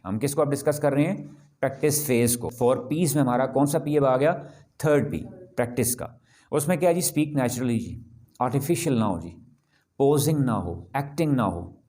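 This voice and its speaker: A man giving a classroom lecture as a presentation skills trainer, emphatic and lively, mixing English phrases into his talk and often checking whether students follow. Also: medium pitch, fairly quick. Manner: mixes English phrases into Hindi-Urdu.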